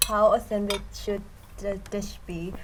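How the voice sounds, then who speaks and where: A woman from Thailand chatting thoughtfully as a diner, measured and reflective. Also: mid-range voice, little pitch movement, slight background noise, rough recording. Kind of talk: casual chat over a meal.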